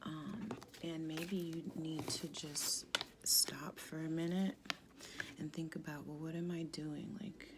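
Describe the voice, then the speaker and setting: A woman with a deep, sultry, husky smoker's voice gives a soft-spoken, casual tarot reading in a halting, informal way. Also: level tone, very noisy. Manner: halting, informal, with pauses and frequent "like". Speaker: tarot card reader.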